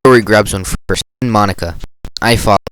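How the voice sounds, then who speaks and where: A man's voice: lowish voice, brisk, a bit bright, clear, resonant tone, rough recording. A man narrating a visual novel aloud in a casual, stumbling reading style.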